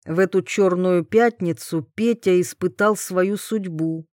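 Slow, measured woman narrator. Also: lowish voice, no room sound, studio quality. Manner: measured, expressive. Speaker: audiobook reader. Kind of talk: literary audiobook narration.

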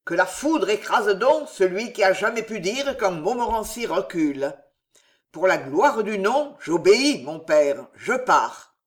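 A young nobleman, torn and desperate, crying out, voiced by an audiobook reader. His voice rises in pleading and hardens into defiance. He speaks in a storybook reading, at an unhurried pace. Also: mid-range voice, very animated. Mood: defiant.

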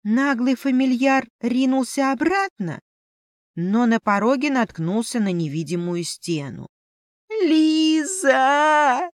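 A woman reading a first-person fantasy audiobook in a measured, expressive way. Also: fairly high pitch, no echo, studio quality. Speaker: audiobook reader.

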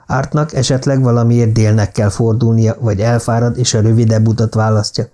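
Guy narrating a thriller audiobook, steady and even, warm low tone. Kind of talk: audiobook reading of a thriller novel.

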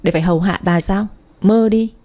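A woman's voice: medium pitch, fairly quick, warm tone, close to an everyday voice. A woman doing a spiteful hysterical young woman. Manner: screaming accusations, bitter.

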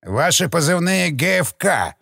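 A man voicing a calm, cold villain posing as a preacher, with an icy, flat, robot-like delivery. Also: a little high, unhurried, vocal fry, dry recording, clean studio sound, voice pushed up, heavily acted. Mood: silky. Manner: calm, impassive, commanding.

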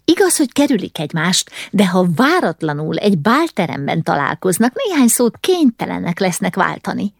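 A spirited young noble girl in a spoken storybook, eager and persuasive as she makes her case, voiced by a woman narrator. Her pitch moves lively over a low base. The recording is dry and close. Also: gravelly, hardly any pauses, no room sound, heavily acted.

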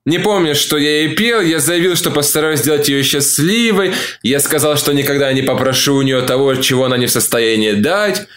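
A man reading a novel aloud as an audiobook, narrating in the first person at a measured, calm pace. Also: fairly high pitch.

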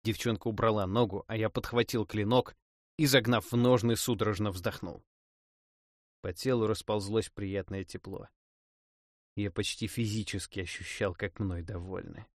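A man narrating a first-person fantasy audiobook in a dramatic, expressive reading. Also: fairly low pitch, moderate pace, no room sound, studio quality.

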